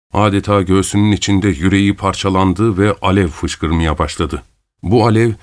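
A man narrates an audiobook at a steady, measured pace. His voice sits fairly low, and the recording is dry and close, with no room sound at all. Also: dry recording.

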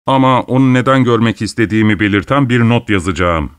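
A man voicing a hurried, impatient male columnist who speaks curtly. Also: medium pitch, clean tone, no echo, close to an everyday voice. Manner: curt and impatient.

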